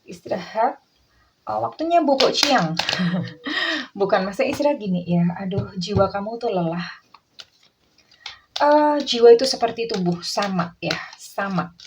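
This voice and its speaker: A woman's voice: mid-range voice, slight background noise, poor audio. Soothing woman tarot reader. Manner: calls herself Bunda, addresses viewer as darling and sayang; soft, coaxing, repeats words. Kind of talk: tarot reading with guided relaxation.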